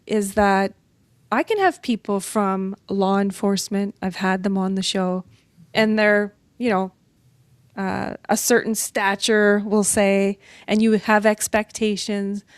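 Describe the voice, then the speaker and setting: A middle-aged author from northern Ontario, Canada, chats casually as an interview guest, upbeat and quick to laugh. Her voice is mid-range, recorded with no room sound.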